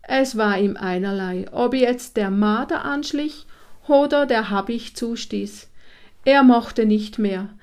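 Woman reading a kids story out loud, slow and expressive, kinda high voice. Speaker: narrator. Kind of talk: storybook read-aloud.

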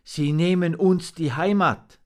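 A man reading a storybook aloud and voicing a gruff, wise old male raven with a rough voice and a commanding, stern manner. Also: mid-range voice, lively intonation, slow, fairly bright tone, pitched above the performer's own voice. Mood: urgent.

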